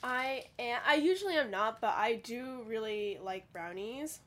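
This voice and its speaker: A woman's voice: a little high, lively intonation, unhurried. A woman who works as a radio engineer, talking in an easygoing, playful way. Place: back booth of a radio studio.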